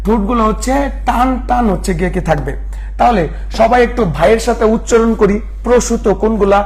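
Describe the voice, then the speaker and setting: A man's voice: high-pitched, brisk, darkish tone. A young man teaching a live online class, asking the same questions again and again. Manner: repetitive questioning.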